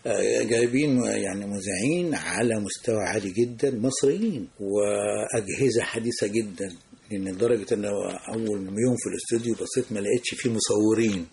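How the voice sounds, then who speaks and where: A man's voice: fairly low pitch, gravelly, darkish tone, slight background noise. An Egyptian man in his sixties, a veteran news broadcaster, telling stories from his career as a guest in a radio interview. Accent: Egyptian Arabic. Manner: brisk, reminiscing storyteller.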